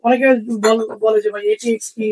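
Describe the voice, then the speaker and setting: A man's voice: sits high, flat delivery, a little fast, crowd noise, rough recording. A man off to the side asking the presenter questions for viewers. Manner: prompting questions on behalf of viewers.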